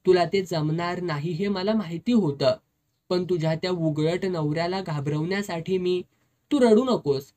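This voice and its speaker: A reader voicing a drunk, lecherous, domineering officer who slurs his words and shouts, in a storybook reading. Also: medium pitch, normal speed, lightly acted. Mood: leering. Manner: slurring, bullying, shouts.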